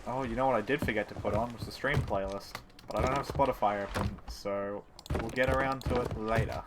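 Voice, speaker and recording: A man with a lowish voice and fairly even intonation talks briskly while live streaming a game. He mutters to himself one moment and playfully teases his chat the next, all over heavy background noise.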